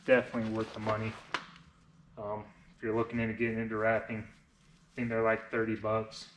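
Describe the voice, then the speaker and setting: A man's voice: lowish voice, monotone, fairly quick. A man in his thirties with a slight lisp from braces, casually narrating a hands-on tutorial step by step as he works. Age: 30s. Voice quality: slightly lisping speech from wearing braces. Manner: informal, explains each step as he works. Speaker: vinyl wrap installer, presenter of a how-to video. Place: indoors in a garage workshop. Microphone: camera on a tripod, a short distance away. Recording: echoey garage with clear background noise, clicks.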